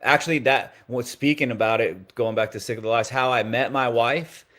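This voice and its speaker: A man's voice: mid-range voice, normal speed, a bit bright. A man in his forties chats on a casual talk panel in a mid-range voice. He tells personal stories loosely, often repeating words as he gathers his thoughts. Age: 40s. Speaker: panel guest. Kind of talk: casual chat.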